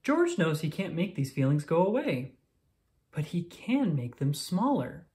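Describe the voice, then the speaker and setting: Narrating a children's picture book from a script, a woman speaks in a low, dark-toned voice whose pitch swings widely between phrases. Each line comes out deliberate and expressive, pitched for young listeners.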